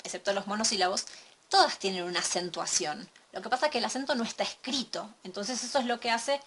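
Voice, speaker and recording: Woman, English teacher, slide lesson, clear bright tone, patient step-by-step explaining. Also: medium pitch, quick pace, slight background noise.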